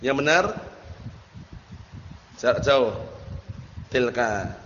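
In an echoey hall, a man with a medium-pitched, fairly bright voice draws out his words while teaching Arabic grammar. His informal drilling keeps returning to the same questions and frequently checks whether students understand. Background noise and a muffled quality run through the audio.

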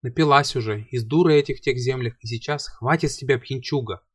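A man reading an audiobook, voicing a gruff, mocking male god of lies who grumbles and scolds. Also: medium pitch, fast, no room sound, clean studio sound, natural voice. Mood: scolding.

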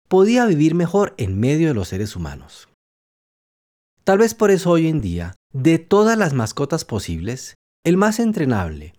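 A man, host of a children's program, narrating a storybook and talking directly to the young listener. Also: fairly high pitch. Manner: warm, addresses listener directly. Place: home studio, dog beside him.

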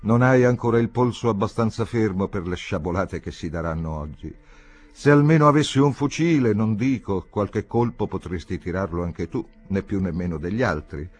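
A man's voice: fairly low pitch, animated, moderate pace, husky. A man reading aloud voices a bossy, motherly army canteen woman who chides and gives orders in a commanding, street-wise way. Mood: chiding.

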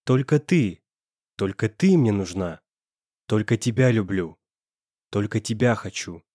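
A man's voice: fairly low pitch, expressive, unhurried, mellow, no echo, clean studio sound, voice pushed down. A man voicing a possessive, hot-tempered young man who talks in a pressing, emphatic way. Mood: passionate.

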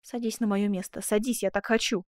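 A woman reads a proud, imperious duchess in a storybook, passionate and vengeful. Her voice swings from soft coaxing murmurs to proud, ringing outbursts, heard close and dry with no room around it. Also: medium pitch, fairly even intonation, a little fast, dry recording, lightly acted. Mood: tender, persuasive. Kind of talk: audiobook reading.

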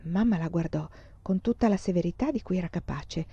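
A woman reading a novel aloud in a slow, calm, expressive way. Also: fairly low pitch, slightly rough, dry recording, dull audio. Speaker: audiobook reader. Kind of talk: scripted narration.

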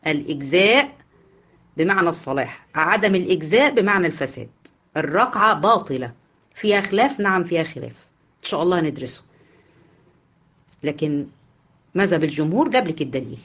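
A woman's voice: fairly low pitch, lively intonation, fairly quick, pauses often, fairly bright tone, breathy edge. A woman with an Egyptian Arabic accent teaching a class, asking her students questions and answering them herself, repeating the key points. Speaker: Islamic jurisprudence teacher. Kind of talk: online class lecture.

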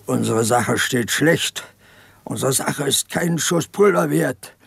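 A haunted peasant partisan in an old radio drama, slow and heavy with guilt. His voice is gravelly and husky, each phrase dragged out and pressed close to the mic in a dry, dead studio. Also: medium pitch, no room sound, exaggerated voice. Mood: brooding. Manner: brooding, halting, pleading confession. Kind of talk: 1950s radio drama acting.

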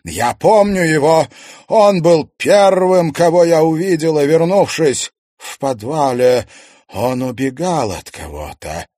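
A man's voice: a little high, lively intonation, takes it slowly, warm tone, no echo, studio quality, voice pushed up. A male reader voicing a vengeful female ghost who has possessed a girl, mocking and screaming at the people around her. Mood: agitated.

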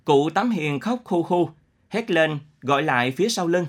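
Male narrator, fairly high voice, dramatic storytelling read. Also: normal speed. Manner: expressive, dramatic reading. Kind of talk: scripted narration of a novel.

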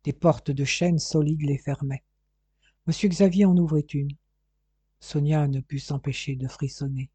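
Dark-voiced male audiobook narrator. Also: fairly high pitch, steady tone, a little slow, slightly rough, dry recording. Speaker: audiobook reader. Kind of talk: scripted narration.

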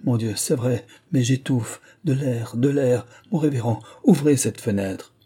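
A man's voice: medium pitch, a little slow, dark tone, husky. A man reading aloud, voicing a dying old king who gasps and begs for air. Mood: faint, pleading. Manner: gasping, desperate cries.

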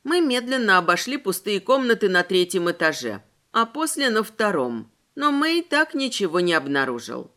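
A woman's voice: medium pitch, normal speed, hardly any pauses. A woman narrating a first-person fantasy story expressively, voicing the heroine's nervous asides. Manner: expressive, voices the heroine's fears. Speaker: audiobook narrator.

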